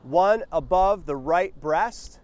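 A man's voice: sits high, expressive, slow, darkish tone. An American man in his forties giving an emphatic, step-by-step instructional demonstration as a CPR instructor, speaking outdoors. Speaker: CPR and first aid instructor. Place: outdoors on a roadside sidewalk.

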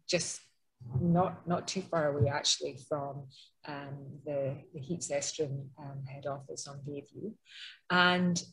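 A middle-aged Scottish woman with an Edinburgh accent, an interior designer, presents a webinar over a video call. She speaks conversationally with frequent ums and restarts, in a low voice with a breathy edge. The recording is rough.

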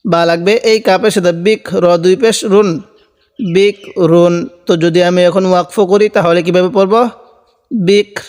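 Man, Quran reading teacher, high voice, unhurried, spells words syllable by syllable, long reverb. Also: steady tone, darkish tone. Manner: slow, drawn-out syllable-by-syllable spelling and recitation. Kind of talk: spelling out Quran recitation lesson.

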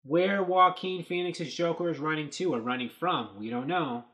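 Musing into his webcam from a small dark room, this male host rambles through casual commentary on set photos, thinking aloud with plenty of fillers. His voice is fairly high, a little bright, and moves at a normal speed.

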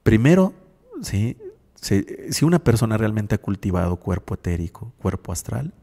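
A man's voice: lowish voice, sing-song, moderate pace, dark tone, slightly rough, big-room sound. A male radio host and psychologist, giving reflective spiritual talk and often checking in with his listeners. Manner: reflective, keeps asking "sí?".

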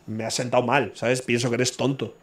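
A man from talks in an ordinary mid-pitched voice. He is blunt and profane, and he circles back to his argument again and again. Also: little pitch movement, fairly quick. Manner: blunt, swears freely, argues his point over and over. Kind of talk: casual podcast chat.

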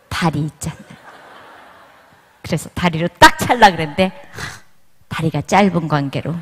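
A middle-aged woman giving a church testimony, telling her story with lively storytelling and acting out the lines. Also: lowish voice, slightly rough. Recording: reverberant hall.

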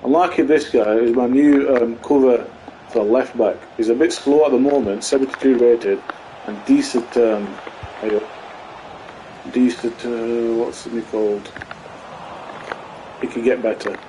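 A man's voice: medium pitch, unhurried, pauses often, a little hiss or hum, rough recording. A man hosting a gaming channel, chatting to viewers in a rambling way while commentating a football video game. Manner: excitable bursts at goals.

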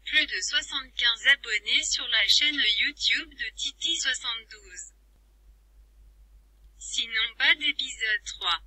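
A synthetic text-to-speech woman voice playing a cheeky translator app that taunts the viewers in a flat, computerized delivery. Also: on the high side, takes it slowly, husky, dry recording, heavily acted, low-quality recording. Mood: mocking. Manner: teasing, insults viewers as losers. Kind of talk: computer-voiced vlog bit.

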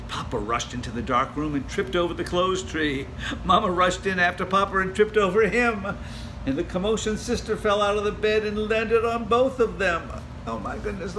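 An older man with a high voice reads a children's picture book aloud at home, telling the story gently and expressively and dropping to a hush for the spooky passages. It's an indoor home recording with a steady hiss.

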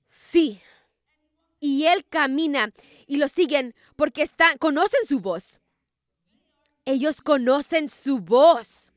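A woman preaching a sermon as a prophetess, emphatic and rising to forceful declarations, who keeps asking the congregation whether they are with her. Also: sits high, takes it slowly, long pauses, no echo, clean studio sound.

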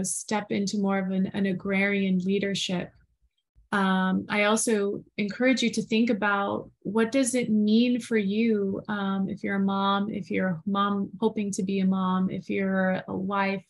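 A woman's voice: mid-range voice, flat delivery, measured pace. A woman in her thirties co-hosting a live stream from home, speaking earnestly with many fillers and reading viewer comments aloud. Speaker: podcast co-host. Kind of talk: live-streamed casual talk.

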